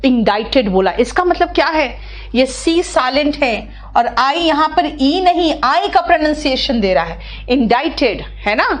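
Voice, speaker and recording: A woman's voice: high-pitched, big pitch swings, normal speed. A middle-aged woman, teaching vocabulary in an online class and coaxing her students step by step. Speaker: English teacher.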